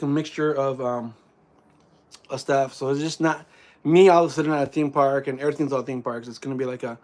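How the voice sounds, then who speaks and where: Rambling man chatting on a live stream. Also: a little high. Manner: rambling, many restarts and fillers. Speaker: theme park vlogger and live streamer. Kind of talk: casual live stream chat.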